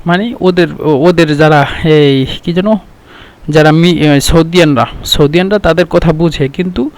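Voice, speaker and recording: High-voiced man teaching a language lesson. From Bangladesh. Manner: explains slowly with many fillers and repeated examples. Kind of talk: casual spoken lesson.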